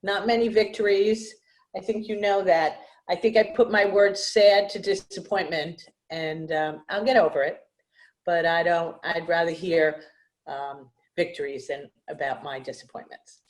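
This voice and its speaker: A woman's voice: on the low side, steady tone, moderate pace. A woman taking part in an online workshop over a video call, speaking in a hesitant, subdued way. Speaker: workshop participant. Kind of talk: casual chat.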